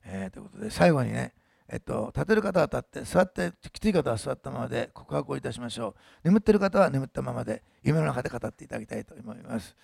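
A male pastor preaching a sermon, leading the congregation in repeat-after-me declarations and building to loud, fervent proclamations. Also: mid-range voice, lively intonation, fast talker, vocal fry, no room sound, clean studio sound.

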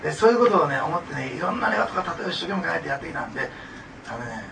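In a rapid-fire, sing-song delivery, a male pastor with a somewhat high voice preaches to his congregation. He talks with them casually, laughing often and asking questions. The recording uses a distant mic and has clear background noise.

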